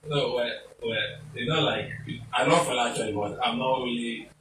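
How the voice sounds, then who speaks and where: A man from Abia State, a songwriter guest who speaks haltingly and repeats his words. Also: mid-range voice, echoey room, recorded from a distance, background noise. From Nigeria, Abia State. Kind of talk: casual studio interview.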